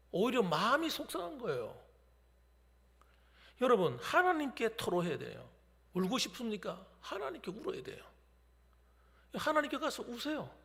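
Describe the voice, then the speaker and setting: A man's voice: sits high, creaky, a bit bright. A middle-aged man preaching an emphatic storytelling sermon in a church, acting out the voices of the people in the story. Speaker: pastor. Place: church sanctuary. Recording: long church reverb.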